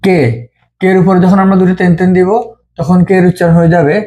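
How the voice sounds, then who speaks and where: Patient man with a mellow voice. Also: sits high, flat delivery. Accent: Bengali. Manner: slow, patient, repeating each sound. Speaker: language teacher. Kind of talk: step-by-step script lesson.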